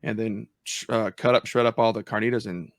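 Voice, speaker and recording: A man's voice: fairly low pitch, fairly even intonation, fairly quick, no room sound, studio quality. A man hosting a church podcast, chatting casually and with enthusiasm. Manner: laid-back, chatty, enthusiastic about food. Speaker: podcast host.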